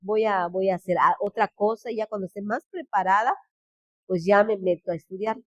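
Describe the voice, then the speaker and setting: A woman pastor with a Yucatán Mexican Spanish accent gives a personal testimony in an earnest, halting way, restarting phrases and quoting others. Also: medium pitch, dry recording, muffled recording. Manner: earnest, halting, with frequent restarts and quoted speech. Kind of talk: personal testimony, spoken storytelling.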